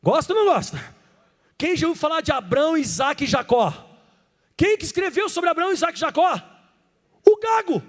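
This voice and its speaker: Animated high-voiced preacher. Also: male voice, brisk. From Brazil. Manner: animated storytelling, acts out characters, asks the crowd questions. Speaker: pastor. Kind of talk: sermon. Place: church. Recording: reverberant church hall.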